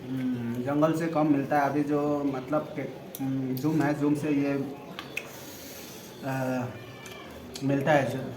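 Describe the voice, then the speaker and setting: A man casually hosting a mukbang eating vlog, talking between bites with pauses and hums. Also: mid-range voice, flat delivery. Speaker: vlog host. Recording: echoey, background noise.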